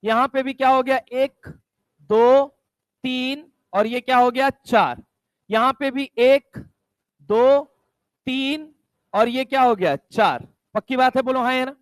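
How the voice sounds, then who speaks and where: Taking it slowly in a smooth, extremely high-pitched voice, a guy teaches chemistry in a mix as a classroom lecture. He answers his own questions, repeats key terms over and over, and calls listeners "my brother," all in a dry, close recording.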